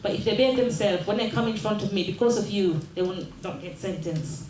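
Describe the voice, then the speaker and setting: With a crowd audible behind her, an older woman who was born in Jamaica speaks at a fairly quick clip in a medium-pitched voice. As mayor, she's giving an earnest speech to the community in a large room at her office, echoey with faint ambience, and she often repeats phrases and asks "yes?".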